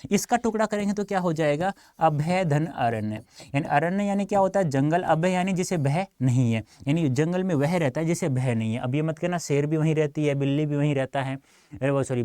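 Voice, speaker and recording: A man's voice: fairly high pitch, fairly quick, mellow, clear, resonant tone, no room sound, clean studio sound. A male teacher giving an online exam-prep lesson, explaining step by step and calling his students dear children. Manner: explains step by step, asks and answers his own questions.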